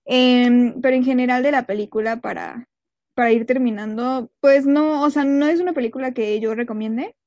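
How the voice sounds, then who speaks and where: A woman's voice: high-pitched, moderate pace, a little mellow, no echo, dull audio. A woman, co-hosting a podcast and giving a frank, critical opinion. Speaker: podcast co-host. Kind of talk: casual review chat.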